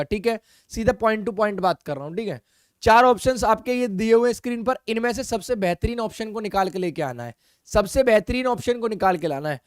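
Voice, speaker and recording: High, crisp-voiced man teaching exam reasoning. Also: no room sound, clean studio sound. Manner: brisk, coaxing, repeats key phrases. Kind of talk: exam-prep video lesson.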